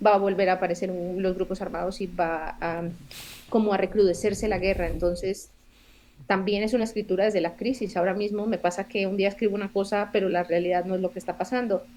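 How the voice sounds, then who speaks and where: A woman in her forties from Colombia, a theatre director and playwright speaking as a podcast guest in a reflective, earnest way, often pausing to search for words. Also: medium pitch, steady tone, a little mellow, a little hiss or hum. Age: 40s. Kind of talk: podcast interview conversation.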